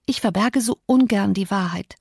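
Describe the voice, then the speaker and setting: A woman's voice: mid-range voice, moderate pace, gravelly, darkish tone, husky. A woman voicing a young woman in a storybook who has been caught out and earnestly pleads with her nurse. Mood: pleading.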